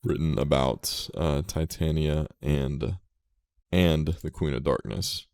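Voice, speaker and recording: A man narrating as game master of a tabletop game over a voice call, relaxed with hesitant restarts. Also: a bass voice, takes it slowly, gravelly, no echo.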